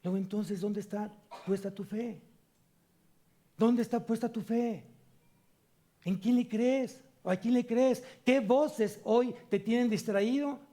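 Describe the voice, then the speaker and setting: Pastor, male, high and mellow voice, emphatic sermon delivery with questions to the congregation. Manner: preaching with rhetorical questions to the congregation; slow emphatic reading of scripture. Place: church service.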